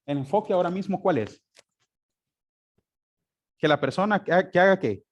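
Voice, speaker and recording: Lively man teaching a church class. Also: high-pitched, moderate pace, muffled recording. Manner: asks the class questions and answers them himself. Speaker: Sunday school teacher.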